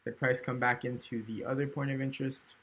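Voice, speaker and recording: Give me a man at a mid pitch casually talking through a chart screen recording. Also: flat delivery, fairly quick, fairly bright tone, a little hiss or hum. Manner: casual, thinking aloud with frequent "right?". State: hiccups. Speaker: trading educator.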